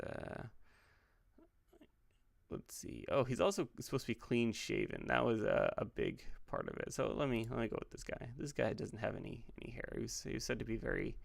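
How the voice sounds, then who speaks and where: Gravelly, lively-voiced man thinking aloud. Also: medium pitch. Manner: rambling, joking asides, thinks out loud. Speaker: pastor and livestream host. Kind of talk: casual livestream, building game characters while chatting.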